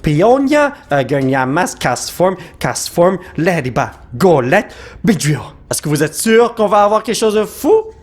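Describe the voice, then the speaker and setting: A young man with a Quebec French accent hosts a card-opening vlog, his voice sitting high and swinging widely. He sounds a little hoarse and keeps rattling off card names with eager excitement. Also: unhurried. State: slightly hoarse from shouting. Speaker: YouTuber opening trading card packs.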